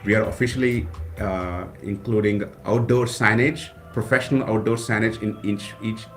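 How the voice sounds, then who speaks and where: A fairly low-pitched man speaks at normal speed with fairly even intonation, faint music behind him, in a radio studio. A college president from South India with Kannada as his first language, he talks earnestly and gratefully in a relaxed interview, often breaking off to restart phrases.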